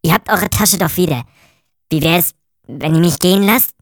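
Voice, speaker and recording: A woman voicing a hungry, defiant young female thief in an audio story, talking quickly. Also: fairly low pitch, no echo, studio quality, lightly acted. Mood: persuasive.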